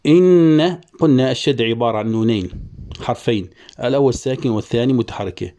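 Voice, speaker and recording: A middle-aged man with a mellow, warm voice teaches poetic meter. He breaks verses into syllables and draws each one out slowly and deliberately, like a patient classroom teacher. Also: mid-range voice. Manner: slow deliberate syllable-by-syllable scansion, drawn-out chanting of syllables. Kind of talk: Arabic prosody lesson.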